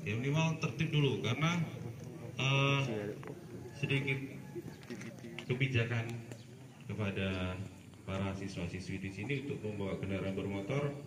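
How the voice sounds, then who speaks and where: A man's voice: lowish voice, normal speed, pauses often. A man firmly lecturing and correcting students at a school assembly, with casual asides. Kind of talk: lecturing, giving instructions. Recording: echoey, far from the mic, noisy.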